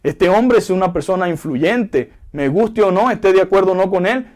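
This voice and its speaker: A man's voice: sits high, moderate pace, darkish tone, close to an everyday voice. A Venezuelan-accented man voicing a sly, corrupt male governor who angles for a bribe in a wheedling way. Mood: scheming.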